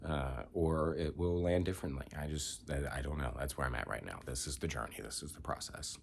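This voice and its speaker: Young man, extremely deep voice, congested, rambling vlog talk. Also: fairly quick, creaky, slightly rough. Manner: rambling, frequent "um" fillers, reflective. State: congested, coughing. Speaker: vlogger. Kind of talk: candid personal vlog.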